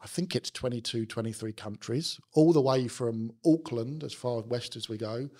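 South London man, chatty, mid-pitched. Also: moderate pace, warm tone. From London, England. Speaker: guest, business leader. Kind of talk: casual podcast conversation. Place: indoor podcast studio. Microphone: close podcast microphone on boom arm.

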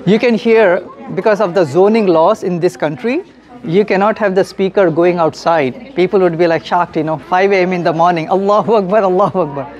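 A man's voice: sits high, a little fast, darkish tone, muffled recording. A young man explains things to a group of visitors, friendly and patient, laughing now and then. He talks into a handheld mic in a classroom. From India. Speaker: mosque guide and educator. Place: mosque hallway, then classroom.

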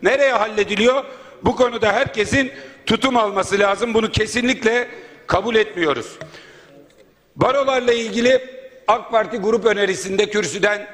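Man, member of parliament, podium microphone, indignant floor speech, high-pitched, long hall echo. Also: normal speed, fairly bright tone. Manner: indignant, rhetorical, listing points. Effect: speaking at a podium microphone. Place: large parliament chamber. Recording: long reverb of a large hall.

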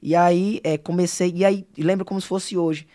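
A man's voice: high-pitched, normal speed. Young man telling stories. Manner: animated storyteller, filler-heavy. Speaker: singer, podcast guest. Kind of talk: casual interview chat.

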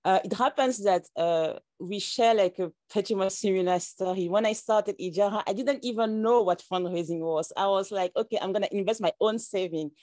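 A startup founder whose first language isn't French speaks on a video call panel, hesitating often with fillers and restarts. Her medium-pitched, slightly mellow voice moves a little fast with hardly any pauses. She's indoors in a room with plain walls, and there's no echo.

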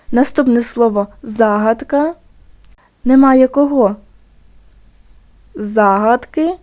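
A woman teacher giving a recorded lesson to young children, speaking slowly and stressing syllables carefully as she dictates words. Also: fairly high pitch, mellow. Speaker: primary school teacher.

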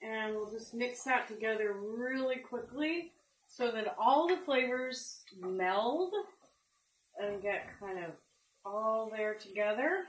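Slow, chatty woman in a sizzling kitchen. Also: a little high, animated, slight background noise. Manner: chatty, unhurried, lots of ums. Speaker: cooking show host. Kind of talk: casual cooking demonstration. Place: home kitchen, indoors. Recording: roomy kitchen with sizzling pan. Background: frying and sizzling food.

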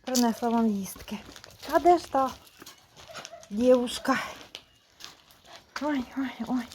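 A woman's voice: high voice, slow, a little mellow, a little hiss or hum. A woman in a casual vlog, cooing and baby-talking to her cats outdoors while filming on a handheld phone. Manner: coos and baby-talks to cats. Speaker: vlogger. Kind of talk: casual vlog feeding pets.

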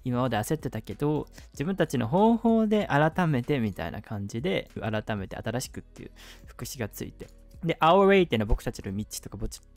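A man's voice: medium pitch, gravelly, a little mellow, no room sound. A man hosting a casual reaction commentary, explaining English phrases with enthusiastic praise. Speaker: host explaining English in song lyrics.

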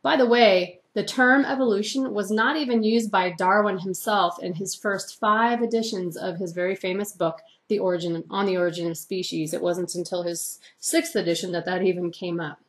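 A woman's voice: mid-range voice, steady tone, normal speed, few pauses. A woman teacher giving a recorded lecture, reading largely from her own typed notes in an explanatory way.

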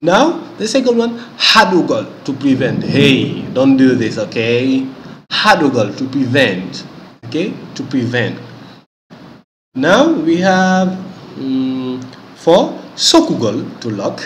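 A man teaching vocabulary with a lively, swooping voice that jumps up high to stress each new word. He repeats every term and keeps checking in with the listener. The room is echoey, with a faint hum of ambience behind him. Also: takes it slowly. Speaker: language teacher. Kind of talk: vocabulary lesson.

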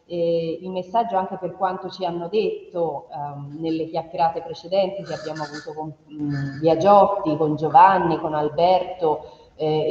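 A young woman co-hosting a live online panel, speaking spontaneously in a polite, halting way. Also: on the low side. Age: young adult. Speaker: panel co-host. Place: indoor room with display shelves. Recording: echoey, dull video-call audio.

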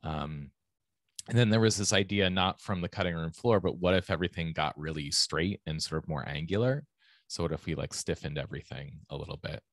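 A man, a type designer, presenting his work in a casual conference talk and explaining ideas in a relaxed way, with frequent ums and uhs. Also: low-pitched, a little fast, no echo, clean studio sound. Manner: relaxed, explanatory, many fillers.

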